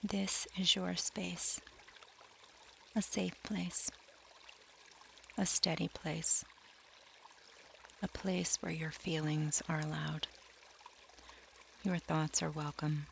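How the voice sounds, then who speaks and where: A man leading a scripted guided meditation, talking slowly and softly and drifting into near-whispers, with faint trickling water behind him. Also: on the high side, flat delivery, gravelly, slight background noise. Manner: slow, soft and soothing, drifting into near-whispers.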